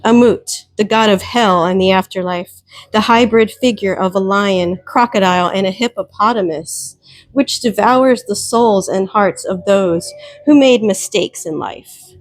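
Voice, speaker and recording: A woman's voice: mid-range voice, unhurried, dry recording, faint music behind. Emphatic woman tarot reader, dry sound. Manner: emphatic, repeats warnings, addresses viewers directly. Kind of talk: solo tarot reading.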